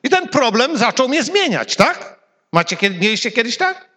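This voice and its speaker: Animated high-voiced preacher in reverberant hall. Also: male voice, normal speed. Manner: animated preaching with sudden swings from loud to hushed. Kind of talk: sermon.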